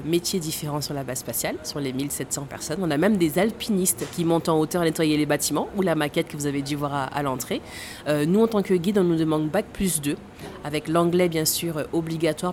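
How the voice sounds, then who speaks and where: Outdoors, with faint noise around her, a woman tour guide at a space center explains things in a low-pitched, slightly mellow voice. Born in Guadeloupe and raised in French Guiana, she answers interview questions hesitantly, with many fillers and the odd laugh.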